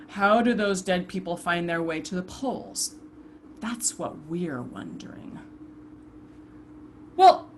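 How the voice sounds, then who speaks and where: An actress plays the restless ghost of a murdered woman civil rights volunteer in a theatrical monologue over a video call. She speaks haltingly, with sighs and broken restarts. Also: fairly low pitch, slight background noise. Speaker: stage actor performing a monologue. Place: indoors at home, performing over a video call. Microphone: video call computer mic.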